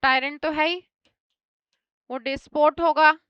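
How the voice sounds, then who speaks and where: A woman teaching English vocabulary for an exam, explaining words with everyday examples and rapid lists of synonyms. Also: high voice, steady tone, fairly bright tone, dry recording, lo-fi sound. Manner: explains each word with everyday examples and quick checks. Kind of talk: exam-prep lesson.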